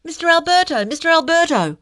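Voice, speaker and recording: A woman voicing a pushy male TV reporter who shouts his questions in an audiobook. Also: extremely high pitch, expressive, fairly quick, dry recording, studio quality, voice pushed up. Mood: pressing.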